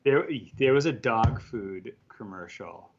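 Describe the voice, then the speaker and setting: A man's voice: fairly low pitch, expressive, slow pace. Playful man telling stories, muffled sound. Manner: playful storyteller, jokey. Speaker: guest. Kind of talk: casual chat.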